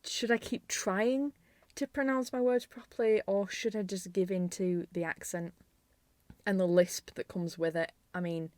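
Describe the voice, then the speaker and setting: A woman's voice: mid-range voice, steady tone, a little slow, a little mellow, dry recording. Brief: young Yorkshire woman, twenties, slight lisp, rambling giggly vlog chat, dry close sound. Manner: giggly, laughs often between thoughts. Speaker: channel host. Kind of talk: casual rambling chat to camera.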